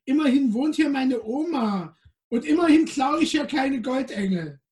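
A man's voice: very high voice, expressive, moderate pace, darkish tone, distant mic, voice pushed up. A man voicing a defiant little girl who talks back snippily. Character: sassy little girl at grandma's house.

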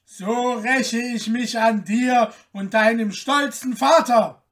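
A reader voicing a vengeful sorcerer who casts a curse, loud, slow and solemn. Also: mid-range voice, distant mic. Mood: cursing.

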